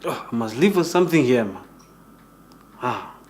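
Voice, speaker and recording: A man's voice: medium pitch, very animated, normal speed, a little mellow, lightly acted. A man playing a greedy scheming mourner. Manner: scheming mutter, drops to a whisper. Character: greedy male mourner eyeing the dead man's things. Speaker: mourner at a funeral home.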